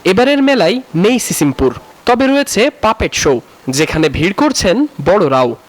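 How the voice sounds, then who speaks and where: High-pitched, lively Bangladeshi male news reporter. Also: moderate pace. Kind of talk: scripted news report narration. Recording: crowd chatter behind narration.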